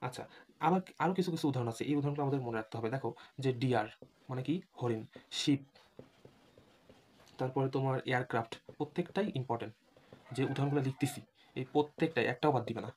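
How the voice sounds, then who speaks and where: A quick-paced man lecturing students through an exam-prep lesson. He spells words out letter by letter and keeps asking whether the class is following. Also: medium pitch, a little mellow, slight background noise. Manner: repeatedly checks understanding, spells words letter by letter. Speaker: English teacher for admission test prep. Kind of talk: online lecture.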